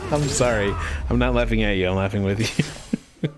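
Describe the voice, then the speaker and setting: A man's voice: fairly low pitch, normal speed, over music. A man giving casual, joking commentary while playing a video game, often breaking into laughter.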